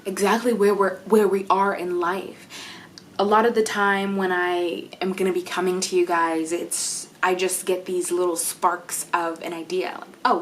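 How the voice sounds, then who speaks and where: A woman's voice: mid-range voice, a little hiss or hum. A woman talking to camera in an earnest, encouraging way, giving motivational advice in a casual vlog. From United States. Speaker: vlogger.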